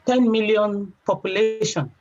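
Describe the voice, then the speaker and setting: A young adult woman with a Nigerian accent, a guest telling her story in a chatty, relaxed way, often saying "you know". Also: medium pitch, measured pace, over music. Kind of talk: casual interview. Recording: slightly dull lo-fi sound.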